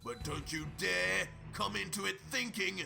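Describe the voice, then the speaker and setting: A man's voice: high voice, a little slow, vocal fry, bright, forceful tone, full character voice. A man voicing a cocky, sarcastic adult fusion warrior in a fan-made story video, with music playing behind. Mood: scornful. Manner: mocking, sneering, scornful laughs. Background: background music from the played video.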